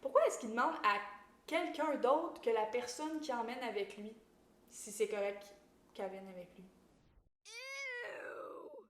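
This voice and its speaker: A woman with a Québécois French accent gives a lively book recap and drops English slang into her French. Her voice sits a little high, and it carries the echo of a bare room. A faint hiss runs underneath. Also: normal speed. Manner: animated, mixes English slang into French, acts out characters. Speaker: book YouTuber. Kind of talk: casual book recap vlog.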